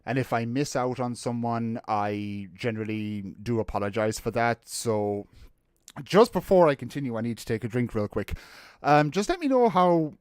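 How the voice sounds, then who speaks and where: A man's voice: medium pitch, expressive, moderate pace, clear, resonant tone, no echo, studio quality. A man chatting casually on his live stream, rambling, swearing freely and greeting viewers by name, a bit out of breath.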